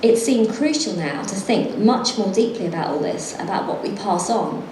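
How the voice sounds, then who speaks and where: Here the middle-aged author speaks in an expressive mid-range voice at a moderate pace, first reading from her book and then chatting as a guest. The event venue sounds roomy and noisy. She's quick to laugh and to poke fun at herself.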